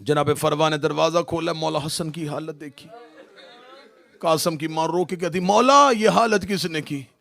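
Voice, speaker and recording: A man delivering a mourning sermon, narrating with a wailing lament that rises to shouting. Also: a little high, steady tone, unhurried, creaky. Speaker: Shia majlis orator.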